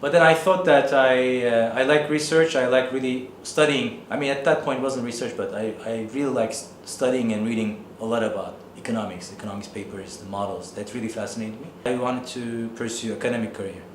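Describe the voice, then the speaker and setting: A man's voice: mid-range voice, steady tone, brisk, hardly any pauses, slight background noise. Turkish-accented man, reflective, roomy echo. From Turkey. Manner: thoughtful, many "uh" and "I mean" fillers. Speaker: economics professor. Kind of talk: interview answers.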